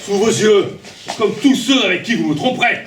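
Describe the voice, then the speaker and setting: A man's voice: sits high, expressive, moderate pace. A man playing a jealous blustering captain. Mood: furious. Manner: blustering, threatening. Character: jealous vengeful male captain, hot-tempered. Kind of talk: amateur stage farce acting. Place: theatre stage. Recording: echoey hall, far mic, noisy.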